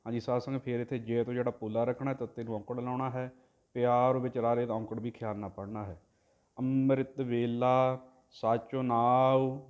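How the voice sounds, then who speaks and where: A man teaching careful recitation of scripture, chanting each verse slowly and loudly, then quietly explaining the pronunciation of each syllable. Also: medium pitch. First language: Punjabi. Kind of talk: line-by-line recitation lesson.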